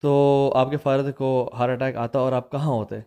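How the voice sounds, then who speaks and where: A man's voice: medium pitch, little pitch movement, mellow, smooth. A man hosting a casual chat, asking prodding questions and teasing his guest. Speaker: host.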